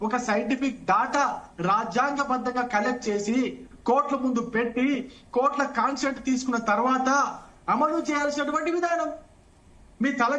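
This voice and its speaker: A man with a Telangana accent arguing in a heated TV news debate, combative and rapid-fire, hammering the same accusations again and again. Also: very high-pitched, fairly bright tone, low-quality recording. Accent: Telangana Telugu. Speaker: debate panelist.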